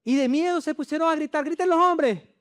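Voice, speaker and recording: A man preaching a sermon in church, animated and full of rhetorical questions to the congregation. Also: very high voice, brisk, no room sound. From Chile. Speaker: pastor.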